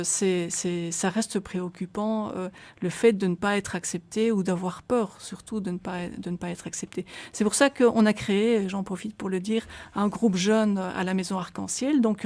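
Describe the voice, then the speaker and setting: Her voice sits in the mid-range and sounds mellow. She's a middle-aged Belgian woman, an association volunteer guesting on a radio interview, explaining things at length while often hesitating and restarting.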